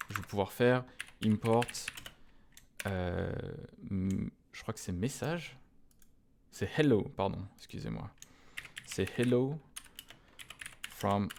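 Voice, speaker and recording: A man teaching a screencast coding lesson, talking in a relaxed, chatty way straight to his viewers and pausing often on "euh" fillers and restarts. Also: lowish voice. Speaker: web developer teaching a coding tutorial.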